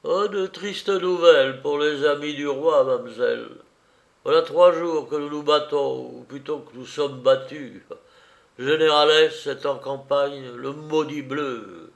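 A man voicing a loyal, rough peasant beadle who fights for the king, speaking loudly and earnestly in a rustic way. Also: a little high, a little slow. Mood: weary pleading.

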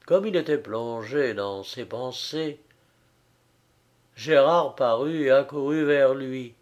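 A man narrating classic fiction in a measured, expressive audiobook reading. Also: mid-range voice, muffled recording.

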